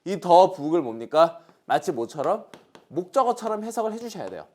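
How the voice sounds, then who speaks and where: A man's voice: high-pitched, very animated, normal speed, warm tone. A Korean man teaching an English grammar lesson online, asking questions and answering them himself while pointing things out on the board. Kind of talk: online lecture.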